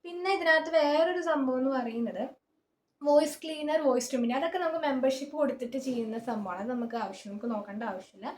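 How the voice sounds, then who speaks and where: A woman explains how she records song covers in a relaxed, chatty way, often pointing things out as she goes. Her voice is high and she talks quickly. The sound carries the ring of a small closed room. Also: reverberant, a little hiss or hum. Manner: chatty and informal, often saying "see" while showing things. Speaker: singer giving an app tutorial. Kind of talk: casual screen-recorded tutorial.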